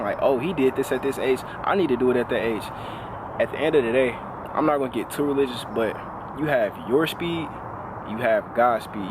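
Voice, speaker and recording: A man of twenty talking casually and reflectively as a vlogger, relaxed and full of fillers. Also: medium pitch, background noise. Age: 20s. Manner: relaxed, conversational, lots of "like" fillers.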